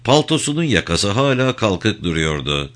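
A man narrating an audiobook with an expressive reading. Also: on the low side, normal speed.

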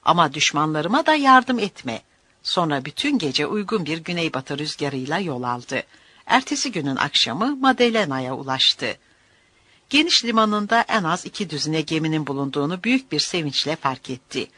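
A narrator reading a novel aloud as an audiobook, in an expressive storytelling manner. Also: medium pitch, normal speed, husky.

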